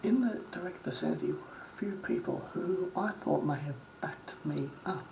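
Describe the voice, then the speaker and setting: A man's voice: on the high side, normal speed, gravelly, background noise. A middle-aged man, telling a story in a vlog rant, indignant and rambling with many restarts. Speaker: vlogger.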